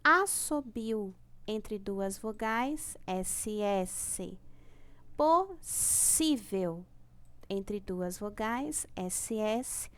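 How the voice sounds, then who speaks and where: A woman's voice: mid-range voice, drawn-out words, fairly bright tone. A woman teaching a primary class remotely with a Brazilian Portuguese accent, patient and repetitive, stretching out key words and checking in often.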